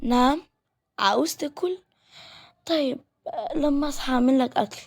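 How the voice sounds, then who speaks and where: A woman voicing a stubborn, hot-tempered young woman with an Egyptian accent in a storybook reading, shrill and snappish. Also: moderate pace, dry recording, clean studio sound. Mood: annoyed. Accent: Egyptian Arabic.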